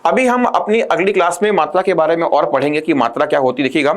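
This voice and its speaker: A man with a slightly high voice delivers an exam-prep lesson. He drills his students with constant rhetorical questions and slows to a deliberate pace when dictating definitions. The tone is that of a classroom lecture. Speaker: teacher.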